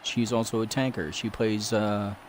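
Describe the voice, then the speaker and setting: A man's voice: lowish voice, flat delivery, normal speed, slight background noise. A man in his fifties chatting casually to his live stream audience while playing a racing game. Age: 50s. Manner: chatty, rambling, talks to live chat. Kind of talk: casual gameplay commentary.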